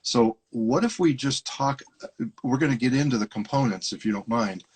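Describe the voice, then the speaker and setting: A man's voice: mid-range voice, moderate pace, husky. A man hosting a live online interview, asking questions in a chatty, friendly way. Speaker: interview host. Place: Ohio.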